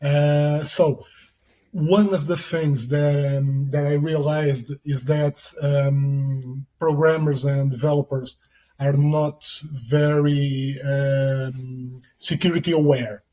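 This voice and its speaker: A man in his thirties with a Portuguese accent talks in a flat, even tone. His voice is dark and mellow, and he pauses often with fillers as he works out his answers. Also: a little high, low-quality recording. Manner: hesitant, many fillers and restarts. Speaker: guest, security consultant. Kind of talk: interview answers.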